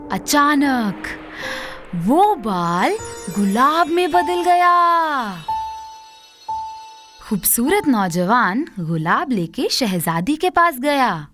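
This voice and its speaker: A woman narrating a children's storybook tale in a gentle, unhurried storytelling manner. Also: a little high, sing-song, soft background music. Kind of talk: scripted narration.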